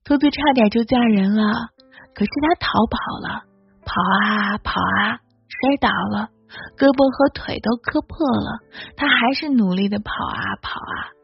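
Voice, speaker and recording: A woman narrating a storybook in a gentle, measured way. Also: on the high side, vocal fry, husky, no echo, lo-fi sound, faint music behind. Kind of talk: storybook reading.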